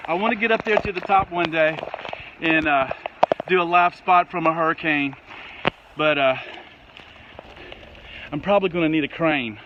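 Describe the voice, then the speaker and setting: A man with a Southern US accent giving a folksy, excitable, casual live storm report outdoors in wind and rain. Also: normal speed, long pauses, muffled recording. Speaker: amateur weather reporter. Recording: windy outdoor noise, clicks and rumble.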